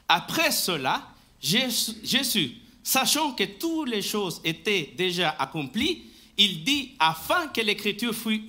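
Male pastor, church sermon, slow deliberate delivery, very bright and piercing tone. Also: high voice. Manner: slow, emphatic preaching with frequent restarts; talks to the congregation and asks for the next slide. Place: church sanctuary, indoors.

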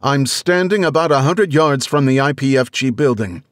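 A man's voice: mid-range voice, normal speed, dry recording, clean studio sound, voice pushed up, close to an everyday voice. A man voicing a woman TV field reporter on scene in an audiobook, delivering the news urgently and straining to be heard. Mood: urgent, strained. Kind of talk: audiobook character voice.

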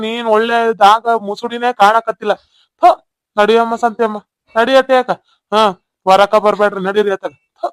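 A man's voice: high-pitched, clear, resonant tone, no room sound. A man doing a hot-tempered scolding village elder. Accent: North Karnataka Kannada. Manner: scolding, abusive, shouting threats. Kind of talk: cartoon voice acting.

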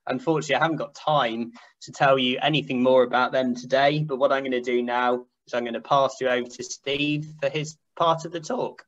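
A man's voice: mid-range voice, fairly even intonation, a little fast, fairly bright tone, dull audio. A man giving a conference talk over a video call, explaining survey data in an enthusiastic, explanatory way. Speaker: survey team speaker. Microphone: video call webcam.

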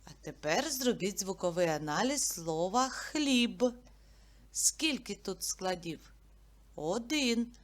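A woman leads a reading lesson for small children. She speaks very slowly, stretching out each sound and syllable with careful enunciation. She keeps asking the children simple questions. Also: mid-range voice, expressive. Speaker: teacher.

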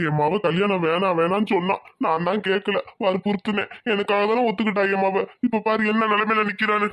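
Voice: mid-range voice, level tone, a little fast, fairly bright tone, lightly acted. A performer voicing a grieving middle-aged village father who blames himself, in a cartoon. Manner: mournful, self-blaming. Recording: dull lo-fi sound.

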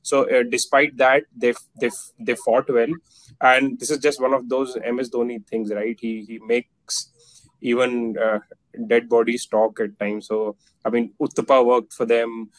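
A man's voice: medium pitch, level tone, unhurried, dry recording, poor audio. A man in his thirties giving cricket analysis on a video call, with many fillers and restarts. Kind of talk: casual panel discussion. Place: plain indoor room. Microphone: video call webcam.

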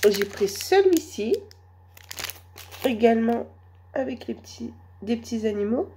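A woman with a cold and a hoarse voice, chatting slowly and hesitantly through a shopping haul. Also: a little high, expressive, warm tone, a little hiss or hum. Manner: hesitant, many fillers, slow and chatty. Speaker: vlogger. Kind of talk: casual shopping haul vlog.

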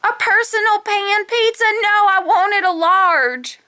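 Woman doing a high, slow-talking old lady on a prank call, rambling and apologetic. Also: animated, sharp tone, full character voice. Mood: insistent. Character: confused 87-year-old woman ordering pizza.

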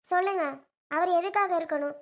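A woman's voice: very high voice, brisk. A woman playing a young new mother who pleads with her father to stop scolding her husband in a family drama skit. She speaks in a pleading, insistent way.

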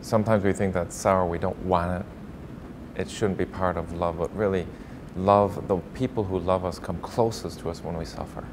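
A man speaking as a priest in a conversational faith discussion, his voice very low. He talks in a gentle, measured, reflective way. A clear background rumble runs under him. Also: steady tone.

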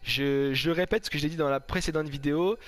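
Higher-voiced man, casual game commentary. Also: a little fast. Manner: informal, slangy, chatty. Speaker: gaming video host.

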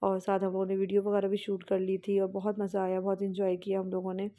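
A woman's voice: medium pitch, completely flat delivery, fast, warm tone. A young woman vlogger giving a chatty, rambling voice-over about a family outing, with fillers and restarts.

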